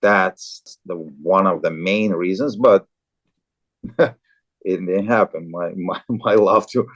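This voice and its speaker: A man in his forties from Azerbaijan, speaking as an interview guest with a very low, deep voice. He talks slowly and haltingly, often repeating and restarting his words, with an occasional chuckle. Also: husky. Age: 40s. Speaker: guest, farrier and show jumper. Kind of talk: casual interview talk.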